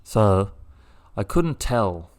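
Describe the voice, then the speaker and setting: A man co-hosting a podcast, musing in a halting casual chat with many restarts. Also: lowish voice, very animated, a little mellow. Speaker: podcast co-host.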